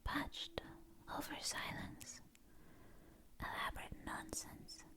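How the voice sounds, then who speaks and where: A woman whispers gently right into the listener's ear in an ASMR poetry reading, close on the mic, slowly and with long pauses. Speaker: ASMR content creator.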